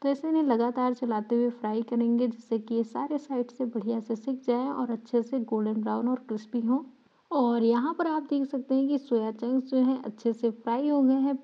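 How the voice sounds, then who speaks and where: A woman who runs a cooking channel narrates a recipe step by step, repeating important points and explaining everything patiently. She has a slightly high voice, and the audio comes across dull.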